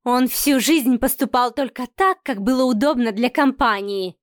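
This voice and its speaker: Scornful middle-aged mother, cold and cutting, read by a woman narrator; slightly high voice, dry close sound. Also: no room sound, natural voice. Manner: sarcastic, slow and cutting. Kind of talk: audiobook character reading.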